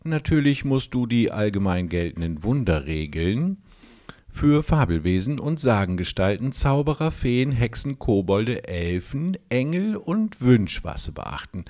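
A man's voice: fairly low pitch, darkish tone. A man voicing a tiny, pompous male gnome who grants wishes, reciting magic rules in a fussy, officious way. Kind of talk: audiobook role reading.

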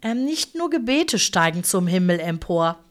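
A woman voicing a calm, teasing female angel in biker leathers who speaks gently and familiarly, at times in a whisper. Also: fairly low pitch, moderate pace. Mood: knowing.

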